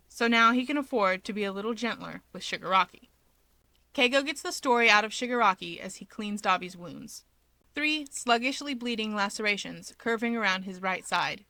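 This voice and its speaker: A woman gives an expressive reading of fan fiction in a bright, forward, medium-pitched voice, her narration conversational with a wry edge. The recording is very dry, with no room sound.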